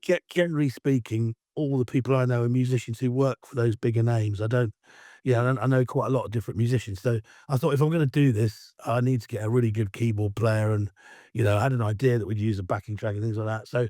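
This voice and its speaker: A middle-aged man from Essex with an Essex accent and a croaky, hoarse voice from allergies, talking as a guest in a rambling, chatty way. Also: mid-range voice, fairly even intonation, fast, no echo, clean studio sound. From Essex, England. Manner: rambling, chatty, self-styled loudmouth. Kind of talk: casual interview chat.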